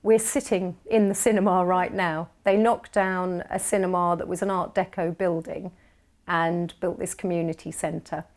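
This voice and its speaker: Measured woman, lowish voice. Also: level tone, a little mellow. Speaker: heritage project lead. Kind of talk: interview.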